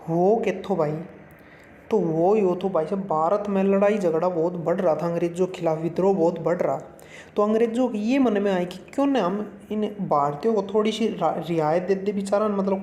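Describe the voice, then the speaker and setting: A man runs a casual exam-prep lesson, chatting folksily and slipping English terms into his explanations. His voice is mellow and warm. The recording has a roomy echo. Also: high voice, slight background noise. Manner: folksy, chatty, calls the viewer brother; mixes Hindi with English terms.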